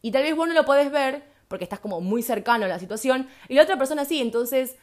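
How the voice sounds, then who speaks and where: A woman's voice: sits high, lively intonation, fast. A woman with a Rioplatense Spanish accent hosting a solo podcast, speaking earnestly and conversationally and putting rhetorical questions to her listeners. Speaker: podcast host. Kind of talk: reflective solo podcast talk.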